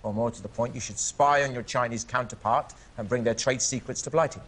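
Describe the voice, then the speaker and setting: An actor with an English accent playing a brisk, teasing maths team leader who bosses his students around. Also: mid-range voice, a bit bright, close to an everyday voice. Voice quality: hearty, teasing, bossy. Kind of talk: film dialogue. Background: film score.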